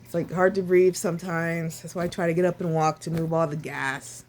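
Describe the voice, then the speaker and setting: A woman vlogging casually about her recovery, sore and short of breath, with a sore throat, talking haltingly with sighs and restarts. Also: fairly low pitch, level tone, darkish tone. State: sore and winded after surgery.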